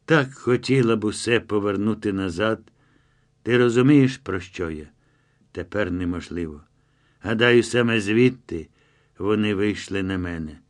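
Audiobook figure: devoted, anxious young woman begging on the phone, read by a male narrator in a lowish voice. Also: unhurried, close to an everyday voice. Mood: worried. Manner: pleading, emotional.

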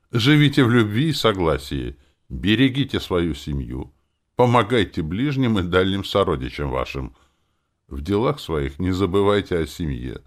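A man's voice: mid-range voice, pitched above the performer's own voice, lightly acted. A man voicing a grumpy, stern older elf architect and father in an audiobook, blustering and formal by turns. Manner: blustering, then solemn and formal.

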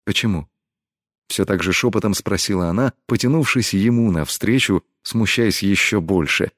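A male audiobook narrator reading a romance story in a calm, measured voice. His register sits fairly low, and the dry recording is close to the microphone. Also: dry recording. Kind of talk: scripted narration.

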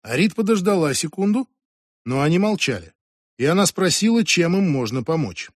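A man narrating an audiobook in a measured, even storytelling manner. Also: a little high, no echo, clean studio sound. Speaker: audiobook reader. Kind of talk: scripted narration.

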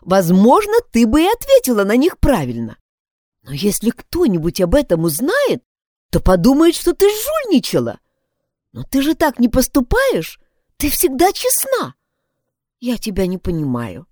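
A woman's voice: fairly high pitch, huge pitch swings, normal speed, a little mellow, no room sound, clean studio sound, voice pushed up. A woman reading aloud, voicing an honest, earnest schoolgirl who urges her twin to do the right thing, in a storybook reading. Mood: reproachful. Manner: reproachful, urging.

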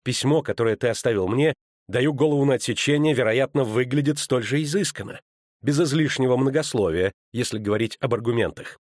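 A man's voice: animated, moderate pace, dry recording, clean studio sound, natural voice. A man voicing a proud, spurned sorceress woman who speaks with biting sarcasm in an audiobook. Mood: sarcastic, furious. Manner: biting sarcasm, rising pitch. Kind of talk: audiobook character voice.

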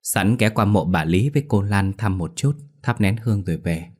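A man playing an easygoing young man in a spoken ghost story, with a low voice. He talks in a casual, reassuring way. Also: expressive, normal speed, a little mellow. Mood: polite.

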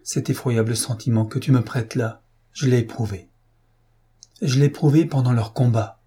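A man's voice: mid-range voice, steady tone, moderate pace, warm tone, husky. A man reading an audiobook, voicing an anguished, tearful young aristocratic wife in a pleading manner. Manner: pleading, sobbing.

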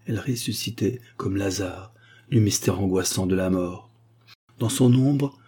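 A man reading a literary story aloud as an audiobook narrator, measured and dramatic. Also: lowish voice, mellow, slightly rough.

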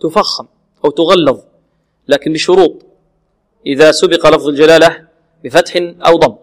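A man teaching Quran recitation rules. He asks questions and answers them himself, and slowly sounds out the syllables he is correcting. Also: a little high, steady tone, big-room sound. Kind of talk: tajweed lesson.

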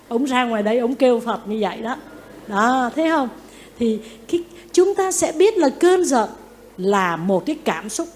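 Lively woman preaching a sermon. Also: high voice, slight background noise. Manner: lively, asks the audience questions and answers them; repeats phrases for emphasis. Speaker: Buddhist nun giving a dharma talk.

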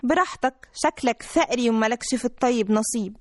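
Actress as a huffy Egyptian bride-to-be. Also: female voice, a little high, brisk, dry recording, studio quality, close to an everyday voice. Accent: Egyptian Arabic. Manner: huffy, defensive. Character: touchy, made-up young bride-to-be. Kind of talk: radio drama acting.

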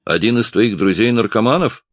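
A man voicing a big, loud, mocking man who taunts others in an audiobook. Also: fairly low pitch, expressive, brisk, no echo, pitched above the performer's own voice. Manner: jeering, raised voice.

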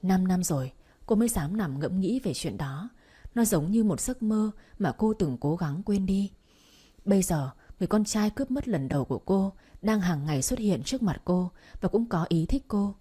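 A woman reading a romance audiobook aloud in a calm, even narrating voice. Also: medium pitch, normal speed, breathy edge.

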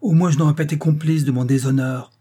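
A stern, proud husband, voiced by a male reader in an audiobook, pressing his points with grave emphasis. The voice is dark and husky, slightly raised when he grows heated. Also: medium pitch, fairly even intonation, moderate pace, close to an everyday voice.

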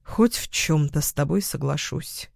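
A woman voicing a confident young man with a dry, quiet way of talking, in a storybook reading. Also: low voice, unhurried, creaky, dry recording, exaggerated voice.

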